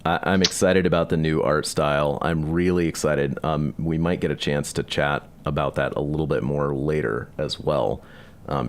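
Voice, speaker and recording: A man hosting a live online chat, talking casually and haltingly with many fillers. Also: extremely low pitch, vocal fry, a little hiss or hum. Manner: relaxed, halting, lots of fillers. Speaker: host of a live release party.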